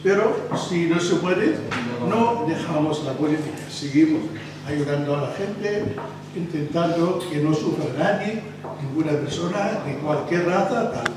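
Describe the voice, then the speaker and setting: Hombre palestino dando un discurso en una sala con eco. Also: male voice, on the high side. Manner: halting, searching for words. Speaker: local election candidate. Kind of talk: after-dinner speech. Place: restaurant dining hall. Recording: echoey room from far off, noisy.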